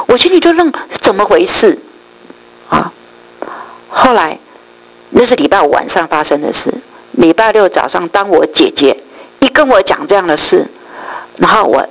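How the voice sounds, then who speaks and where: Middle-aged woman, gravelly edge, animated church testimony. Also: fairly low pitch, rough recording. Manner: lively storytelling, acts out quoted voices, many drawn-out particles. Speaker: church speaker giving testimony. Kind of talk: spoken testimony storytelling.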